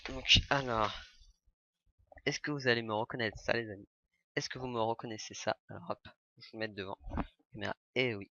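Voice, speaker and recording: A man talks casually into a webcam in a small room, rambling and filling pauses as he goes. His voice is bright and close, with a dry sound. The webcam mic gives it a dull, lo-fi quality. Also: fairly low pitch, steady tone, gravelly, dry recording. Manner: chatty, rambling, lots of fillers like "hop" and "donc". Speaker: vlogger showing yard-sale finds. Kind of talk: casual webcam unboxing chat.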